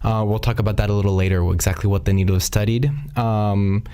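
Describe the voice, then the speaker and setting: An American man who works with international students and teaches English, explaining programs in a relaxed, friendly way. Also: fairly low pitch, quick pace, smooth. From United States. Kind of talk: live online info session.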